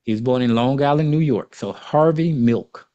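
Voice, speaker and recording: A man's voice: medium pitch, normal speed, mellow, muffled recording. A man with an Arkansas accent, chatting casually as the host of a panel talk.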